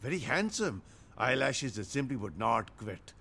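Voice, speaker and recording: A man's voice: medium pitch, sing-song, unhurried, gravelly, fairly bright tone, breathy edge, heavily acted. An actor playing a prim, gossipy man in a sitcom. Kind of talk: sitcom acting.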